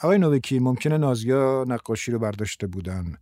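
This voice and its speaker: Man playing a calm male investigator, measured, explanatory, mellow tone, dry sound. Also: mid-range voice, dry recording, close to an everyday voice. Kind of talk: audiobook character voice.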